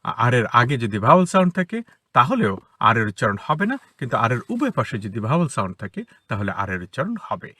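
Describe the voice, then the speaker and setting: A man with a Bengali accent, a native Bengali speaker, teaching a spoken English lesson for children from inside a parked car, explaining step by step and repeating example words slowly. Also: mid-range voice, very animated, sharp tone. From Bangladesh. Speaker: English teacher, academy founder.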